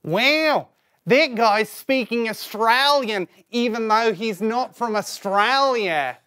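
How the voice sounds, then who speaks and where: A woman's voice: a little high, slow pace, fairly bright tone, smooth. A woman playing a goofy follower in a comic church skit, hammy and drawn out. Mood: amazed.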